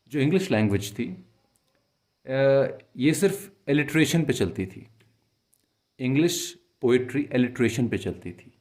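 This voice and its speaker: A man's voice: medium pitch, a little mellow. A young man teaching a literature lesson, explaining patiently and repeating questions and examples for his students. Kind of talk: explaining literature lesson in Hindi mixed with English.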